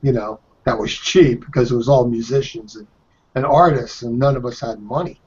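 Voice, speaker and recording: A man's voice: mid-range voice, normal speed, a little mellow, breathy edge. Rambling man reminiscing in lo-fi audio. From Boston area, Massachusetts. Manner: rambling, reminiscing, swears casually. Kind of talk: casual chat. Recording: dull lo-fi sound.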